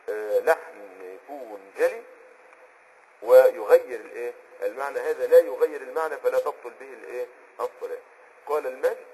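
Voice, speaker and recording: A man with an Egyptian accent teaching Islamic jurisprudence in a conversational explanatory lesson, often pausing on a filler word while he hunts for a term and checking that the listener is following. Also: mid-range voice, darkish tone, slightly rough, poor audio. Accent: Egyptian Arabic. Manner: checks on the listener with quick asides.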